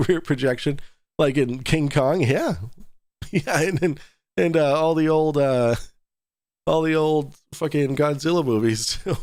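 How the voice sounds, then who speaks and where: A man's voice: a little high, measured pace, pauses often, darkish tone, dry recording, clean studio sound. A man with a Boston accent hosting a talk show, joking and laughing through casual live-stream commentary.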